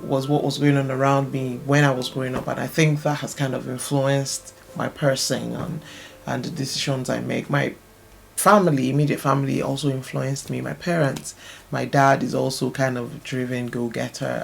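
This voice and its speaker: A woman's voice: a bass voice, fairly even intonation, normal speed, vocal fry, slight background noise. A woman who grew up in Nigeria, talking casually as an interview guest about her businesses and background, with many fillers. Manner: thoughtful, explains at length with many fillers.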